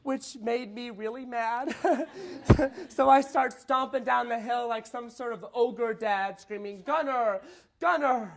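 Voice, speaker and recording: A young man performing a dramatic prose interpretation as a college competitor, halting and repeating phrases, swinging from hushed lines to shouting. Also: extremely high pitch, steady tone, gravelly. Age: young adult.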